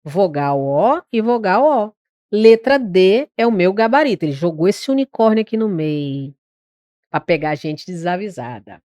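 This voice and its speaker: A woman with a Brazilian Portuguese accent giving an exam-prep grammar lesson. She corrects herself aloud and sounds out words slowly. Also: mid-range voice, animated, dark tone, no room sound, clean studio sound. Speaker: teacher.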